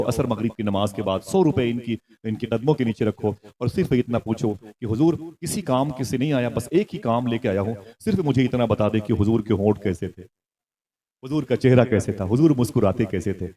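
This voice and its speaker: A man preaching a sermon with impassioned storytelling that swells into loud exclamations, and he prompts his listeners to call back. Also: medium pitch.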